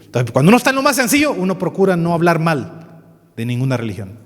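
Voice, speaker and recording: A man with a Salvadoran Spanish accent leads a Bible study seminar, his voice sitting a little high for a man. He speaks earnestly, repeats his key phrases and keeps putting questions to the class. The sound carries a long reverb from a large hall. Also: sing-song, fast talker. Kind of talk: seminar teaching.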